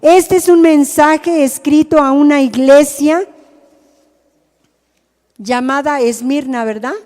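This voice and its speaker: A woman's voice: sits high, steady tone, takes it slowly, warm tone. A woman with a Mexican accent preaching to a group, often asking them questions. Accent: Mexican Spanish. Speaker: teacher at a rehab ministry. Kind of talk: sermon to a group. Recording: hall reverb.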